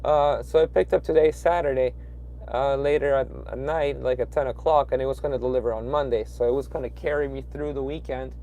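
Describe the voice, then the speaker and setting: Late at night in his truck cab, a young man from Peru chats on a livestream and reads out viewer comments, rambling along with plenty of fillers and false starts in a Peruvian Spanish accent. He speaks briskly at a medium pitch, with a dark tone and fairly even intonation.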